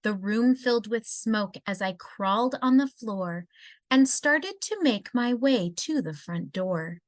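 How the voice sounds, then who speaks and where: Female storybook reader, unhurried delivery, close dry sound, rhyming read-aloud for children. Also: fairly high pitch, expressive, no echo.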